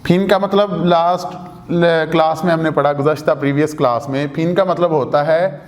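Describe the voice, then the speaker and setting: A man with a Pakistani Urdu accent teaching a language lesson in a studio, slowly repeating points and answering his own questions. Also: a little high, fairly even intonation, in a large hall. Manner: slow, repetitive, asks and answers own questions. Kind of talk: video lesson explaining rules.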